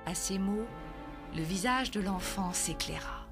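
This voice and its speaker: A woman narrating a children's story in a measured, dramatic way. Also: mid-range voice. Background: music.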